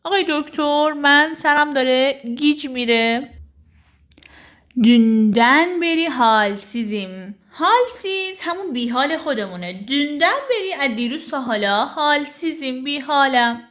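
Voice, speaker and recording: A woman teaching a language lesson, repeating each phrase slowly and then explaining it briskly. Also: high-pitched, expressive, fairly bright tone. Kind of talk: phrase lesson with slow model sentences.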